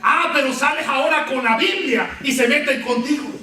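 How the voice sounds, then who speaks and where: A middle-aged Venezuelan pastor preaches with a strikingly high, bright voice. He tells funny stories with lively energy. He is heard from a distance in a very echoey church hall. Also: normal speed. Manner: animated preaching with humorous anecdotes. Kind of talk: sermon. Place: church sanctuary.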